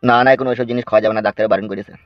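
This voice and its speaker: A man's voice: lowish voice, fairly even intonation, racing, no room sound, muffled recording, natural voice. A man voicing a wounded father in hospital who begs his son to stay out of trouble, in a comedy cartoon. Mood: anxious. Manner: hushing, pleading caution.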